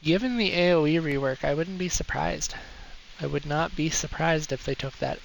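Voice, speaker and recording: A young man talks through his game session in a loose, playful, rambling way and pokes fun at himself. His voice sits a little higher than most men's. A faint hiss runs under it. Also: normal speed, creaky, low-quality recording. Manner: playful, rambling, self-mocking jokes. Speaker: streamer. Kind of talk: casual live gameplay commentary.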